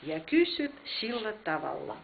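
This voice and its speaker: A woman's voice: mid-range voice, very animated, gravelly. Woman teaching with hesitant explanations. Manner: slow explanations with frequent hesitations. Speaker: Russian teacher. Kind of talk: language lesson. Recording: tinny phone-like sound with faint noise.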